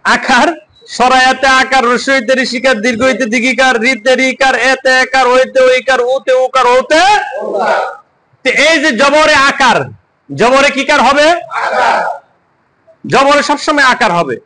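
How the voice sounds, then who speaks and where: A male teacher runs a call-and-response lesson on reading Arabic letters. His voice sits very high and sounds bright and ringing. Faint background noise stays under his words. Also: measured pace, long pauses, poor audio. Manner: drills students with repeated questions and chanted answers.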